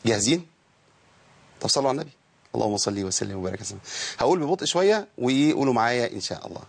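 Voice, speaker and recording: A man with an Egyptian accent teaching Quranic recitation rules, explaining casually and chanting verse text slowly. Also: mid-range voice, expressive, creaky. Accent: Egyptian Arabic. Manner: switches between colloquial explanation and slow melodic chanting.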